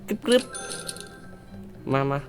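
A woman commentating a shop game, loud and exclamatory, swearing playfully at the game characters and now and then switching to a polite clerk voice. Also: slow, faint music behind. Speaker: gamer. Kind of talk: let's-play commentary.

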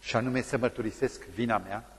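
A man's voice: mid-range voice, fairly even intonation, slightly rough, in a large hall. A male pastor preaching a sermon, telling a story dramatically and acting out the people in it.

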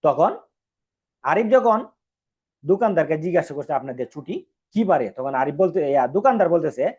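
A male language teacher talks in a high voice that swings up and down a great deal. He explains each point step by step and repeats phrases for his students. The recording sounds dull and lo-fi. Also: big pitch swings, normal speed, a little mellow, breathy edge.

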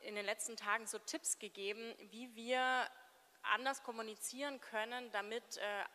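A woman moderating a stage interview at a café event, asking questions into a handheld microphone, halting with fillers. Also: fairly high pitch, fairly even intonation, bright, forceful tone, big-room sound.

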